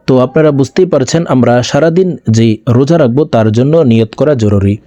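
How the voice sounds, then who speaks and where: A man teaching viewers to recite a fasting intention, speaking slowly and drawing out each phrase for them to repeat. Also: mid-range voice, warm tone, no echo. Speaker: religious teacher. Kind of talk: slow recitation lesson.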